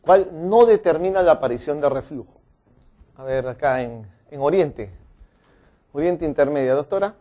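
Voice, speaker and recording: A man giving a medical exam-prep lecture, brisk and chatty, quizzing students and teasing them. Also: a little high, animated, warm tone.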